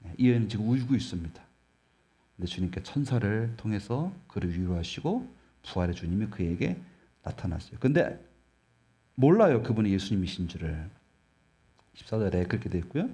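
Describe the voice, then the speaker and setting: Male pastor giving a sermon, mellow low tone, voice swings up and down a lot, asks the crowd questions. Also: fairly quick, slightly rough. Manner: animated, emphatic, asks the congregation questions.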